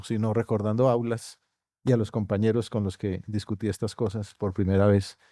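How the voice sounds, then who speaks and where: A Colombian man lecturing at a university conference, steady and measured, now and then slipping into quieter asides. His voice is dark and mellow. The sound is dry and close, with no room echo. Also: lowish voice. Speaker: conference speaker. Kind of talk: academic lecture. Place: university auditorium.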